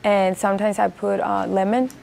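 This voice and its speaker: A woman's voice: mid-range voice, little pitch movement, moderate pace, vocal fry. A woman talking in an interview as a drill instructor, recorded with noise behind. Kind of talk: interview talk. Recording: loud background noise.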